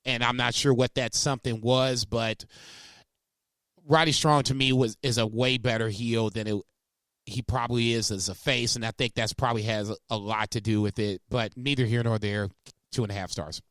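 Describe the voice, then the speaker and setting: A man's voice: medium pitch, steady tone, normal speed, a bit bright, smooth, dry recording. A man co-hosting a podcast, giving rambling, laid-back opinions in casual chat. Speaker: podcast co-host.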